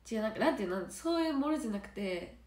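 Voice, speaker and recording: A woman's voice: on the high side, expressive, racing. Stuffy-nosed woman, nasal and giggly, chatting on a livestream in an echoey room. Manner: chatty and giggly, drifting between soft murmurs and brighter bursts. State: stuffy nose. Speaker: idol trainee on a livestream. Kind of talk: casual livestream chat answering comments. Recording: roomy echo.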